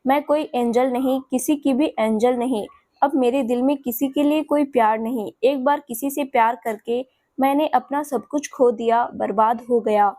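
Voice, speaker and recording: A woman's voice: a little high, normal speed, mellow, dry recording, natural voice. A woman voicing a hurt, stubborn young woman who talks back sharply and defiantly in a storybook.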